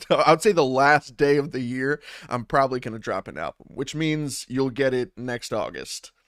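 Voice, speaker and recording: A streamer and battle rap commentator chats casually on a livestream about battle rap, rambling with lots of restarts and fillers like "man" and "bro." His mid-range voice is lively and fairly bright at normal speed, captured dry on a studio dynamic mic through an audio interface at home.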